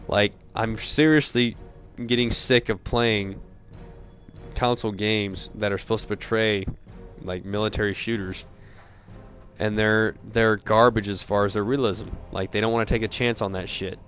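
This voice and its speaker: A man in a profane off-the-cuff gamer rant, sounding drunk, rambling haltingly and repeating himself. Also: on the low side, steady tone, fairly bright tone, soft background music. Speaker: gamer ranting about video games.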